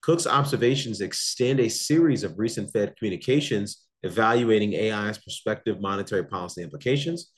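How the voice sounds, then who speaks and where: A man's voice: lowish voice, slightly rough. A man hosting a macro investing research show, giving confident, analytical market commentary and answering a listener's question.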